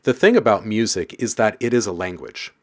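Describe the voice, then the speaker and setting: A man with a low voice that moves a lot, hosting a relaxed live stream. He chats through viewer comments and murmurs half to himself as he works on sounds. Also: brisk. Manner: reads viewer comments aloud and muses on them; mutters while editing sounds. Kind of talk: casual live-stream chat.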